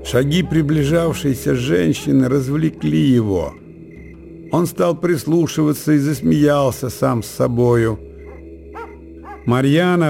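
A man narrating classic prose in a measured storytelling manner. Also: fairly high pitch, vocal fry, warm tone. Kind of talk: audiobook reading of classic prose.

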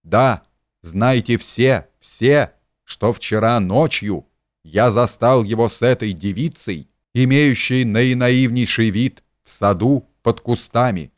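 A man's voice: medium pitch, slow, dry recording, clean studio sound, lightly acted. A man voicing a pompous, hypocritical middle-aged man who preaches and shrieks in indignation. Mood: shrieking.

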